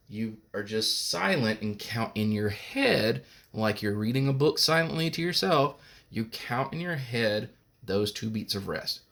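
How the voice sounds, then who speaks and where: A male music teacher, talking at an unhurried, deliberate pace. He explains each step patiently and sometimes sings solfege syllables. His voice sits at a middling pitch. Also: creaky, sharp tone. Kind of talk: recorded remote music lesson.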